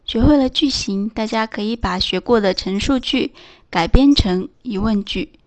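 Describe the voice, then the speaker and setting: Woman, English teacher, scripted lesson, fairly high voice, careful example phrases. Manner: slow, clearly spelled-out English example phrases.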